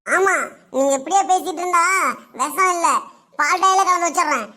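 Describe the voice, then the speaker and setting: A woman playing a sharp-tongued young wife who taunts her mother-in-law in a comedy skit, with a Kanyakumari Tamil accent. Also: very high-pitched, normal speed. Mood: taunting. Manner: mocking, taunting.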